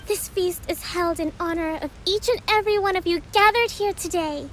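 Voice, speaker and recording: A woman playing a gentle, earnest young female leader in a video game, speaking softly and politely in measured phrases. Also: very high voice, a little hiss or hum, rough recording. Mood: solemn, rallying.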